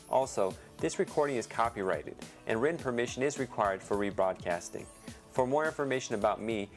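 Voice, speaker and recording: Man, low voice, scripted intro read, formal, faint music behind. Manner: formal, measured. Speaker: podcast host.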